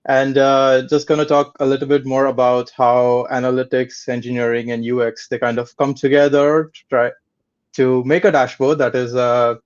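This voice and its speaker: A man's voice: mid-range voice, little pitch movement, normal speed, smooth. A man starts his talk over a video call, sounding modest and a bit self-deprecating and using plenty of fillers. The call audio is slightly dull and muffled. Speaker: guest presenter. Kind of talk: casual online presentation.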